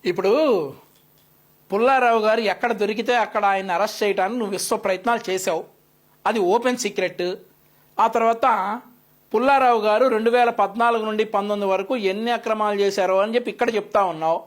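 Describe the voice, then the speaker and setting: A man's voice: high-pitched, steady tone, fairly quick. A male news commentator delivering an opinionated, scolding rebuttal with a sarcastic edge.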